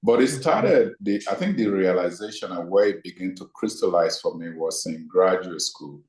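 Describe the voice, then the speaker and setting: A man, a guest scholar answering interview questions in a measured, reflective way. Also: sits low, lively intonation, darkish tone. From Nigeria. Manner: measured, thoughtful, deliberate. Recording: echoey room sound.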